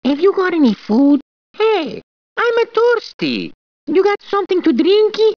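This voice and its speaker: Speaking at an extremely high pitch with huge swings, a man plays a cheerful, clowning video game plumber in a fake Italian accent, full of squeals and laughter. The delivery is exaggerated and a little slow. The mood is playful, the character jokey, eager and bouncy, and the game audio dull and dry.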